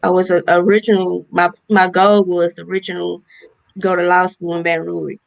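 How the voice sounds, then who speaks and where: Gravelly-voiced woman from Louisiana. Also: lowish voice, level tone, normal speed, highs cut off. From Louisiana, USA. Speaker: guest, real estate investor. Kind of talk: casual interview conversation.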